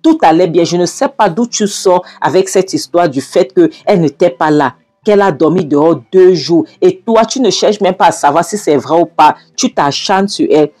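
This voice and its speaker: A woman's voice: lowish voice, moderate pace, hardly any pauses, a little mellow, natural voice. A woman doing an outraged scolding friend. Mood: insistent. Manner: scolding, insistent.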